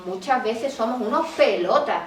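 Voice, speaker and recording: A woman's voice: fairly high pitch, expressive, normal speed, crowd noise. A woman lawyer gives a talk at a public colloquium. She tells a case as a story and acts out the quoted dialogue. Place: meeting room. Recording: roomy, distant mic with faint ambience.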